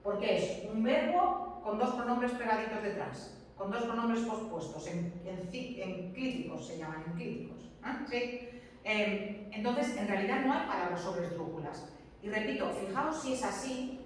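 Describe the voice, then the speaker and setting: Spanish teacher lecturing in an echoey classroom. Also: female voice, fairly high pitch, animated, a little slow, far from the mic, a little hiss or hum. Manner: explains step by step, repeats points, asks the class questions. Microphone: distant camera mic.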